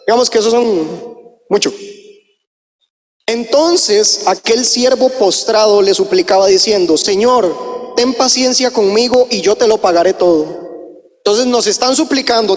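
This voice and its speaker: A male preacher with a high voice leads a teaching sermon, talking fast and conversationally as he speaks right to his congregation. His voice rings out with a long reverb in a church hall. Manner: quick, conversational, addresses the audience directly. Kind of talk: sermon teaching with Bible reading.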